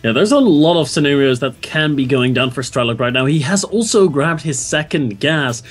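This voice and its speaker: An esports caster calls a video game match at a moderate pace, his voice a little high and slightly rough. He introduces players and muses on strategy out loud, full of easygoing enthusiasm. He's excitable and quick to laugh.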